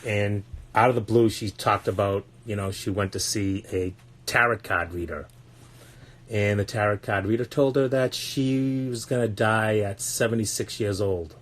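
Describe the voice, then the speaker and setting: A man's voice: lowish voice, moderate pace. Blunt, swearing male podcast coach. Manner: earnest, repeats words while searching for them. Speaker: parenting coach and podcast host. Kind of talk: casual podcast monologue.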